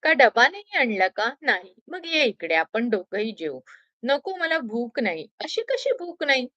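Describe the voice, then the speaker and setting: Woman narrator doing a caring senior clerk in a storybook reading, gruff tone, dry and bright. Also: a little high, sing-song, measured pace, no room sound, lo-fi sound, heavily acted. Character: kindly senior shop worker, grown man.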